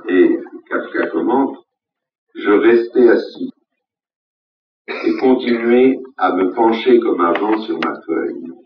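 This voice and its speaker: A man giving a university lecture in a measured, emphatic way, repeating his key phrases for weight. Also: sits low, slight background noise. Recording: roomy, distant, dull lecture-hall recording.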